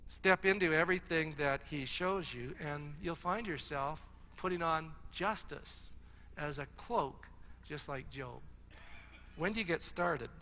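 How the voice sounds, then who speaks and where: A man's voice: a little high, pushed and bright, a little hiss or hum. A man preaching a sermon as pastor, earnest and conversational, with restarts and little asides. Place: large church hall. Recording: long church-hall reverb.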